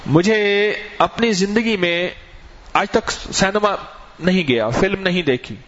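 A male preacher telling a story in a sermon, animated, and acting out the dialogue of the people in it. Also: high voice. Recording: muffled, lo-fi recording.

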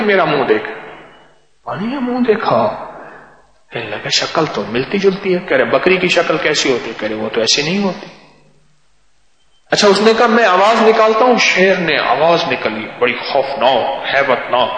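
A man preaching a sermon, telling stories and swinging between loud and hushed. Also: sits high, big pitch swings. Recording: echoey hall.

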